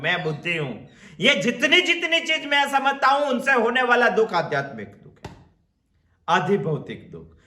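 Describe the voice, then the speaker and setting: A man gives a spiritual discourse, slow and deliberate, repeating each phrase for emphasis. His voice is bright and fairly high, rising and falling widely. The room around him rings with echo. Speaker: Upanishad teacher.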